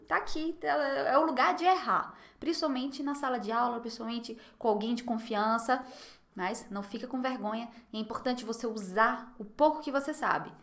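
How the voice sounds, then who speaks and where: A young Brazilian woman with a Brazilian Portuguese accent who teaches French online, encouraging and repeating words slowly for learners to copy. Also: high-pitched. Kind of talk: online language lesson.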